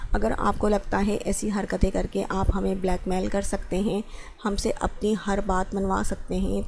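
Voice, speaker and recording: Flat, gravelly woman reading a novel. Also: medium pitch. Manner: reads dialogue of both characters with little change of voice. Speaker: narrator reading an Urdu romance novel.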